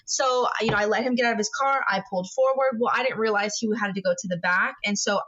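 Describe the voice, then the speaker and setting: A woman's voice: mid-range voice, quick pace, fairly bright tone, highs cut off. A young woman co-hosting a podcast, telling a story animatedly with lots of swearing. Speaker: podcast co-host. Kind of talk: casual chat.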